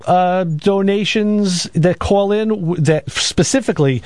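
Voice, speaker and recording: A man's voice: sits high, a little slow, a little mellow, no echo. A man co-hosting a car talk radio show in a studio, chatting casually and repeating words as he goes. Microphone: studio mic.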